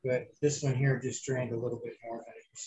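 A man talks casually in a gravelly, scratchy voice that sounds sore in the throat. His pitch sits in the middle. He explains things in a plain, matter-of-fact way. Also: little pitch movement, fairly quick. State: bruised, inflamed throat after surgery. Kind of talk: casual chat.

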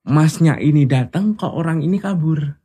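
Male interview guest, husky, animated storyteller who mimics the people he quotes. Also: fairly high pitch, moderate pace. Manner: animated, acts out quoted voices. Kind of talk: casual storytelling.

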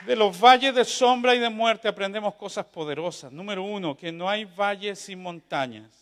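Male pastor, sermon delivery, high-pitched, rising to fervent shouts, reverberant church sound. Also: moderate pace. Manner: builds to impassioned shouting; asks the congregation questions.

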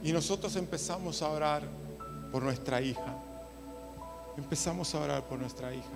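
A man preaching a sermon, moving from hushed storytelling to loud impassioned preaching. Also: a little high, normal speed, vocal fry, over music. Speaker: pastor.

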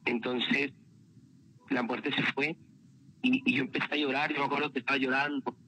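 A man's voice: mid-range voice, flat delivery, normal speed, sharp tone, slight background noise, poor audio. A man, a motivational speaker, telling an emotional personal story as a guest on a livestream. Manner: earnest, emotional, repeats words.

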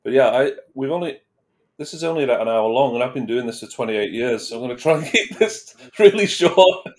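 A man's voice: medium pitch, animated, fairly quick. A middle-aged man with a British accent, chatting casually as a guest in an interview. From United Kingdom. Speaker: interview guest, game developer. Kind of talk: casual chat.

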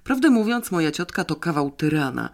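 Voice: mid-range voice, sing-song, a little fast, gravelly. A reader voicing a flustered, talkative young man who rambles and apologizes. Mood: apologetic, eager. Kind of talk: audiobook character voice.

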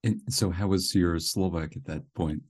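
A man's voice: deep voice, fairly even intonation, moderate pace, husky. A middle-aged man hosting a show, moving between scripted narration and interview questions.

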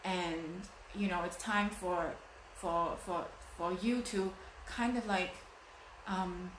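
A woman's voice: on the low side, fairly even intonation, takes it slowly, slight background noise. A woman in her late thirties giving a motivational talk, emphatic and fond of repeating phrases for effect. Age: 30s. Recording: echoey room.

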